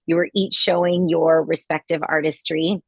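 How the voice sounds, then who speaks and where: A woman's voice: low voice, level tone, moderate pace, darkish tone, husky, no echo. Effusive woman host, dry close sound. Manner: effusive, enthusiastic, affirming. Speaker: podcast host. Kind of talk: interview conversation.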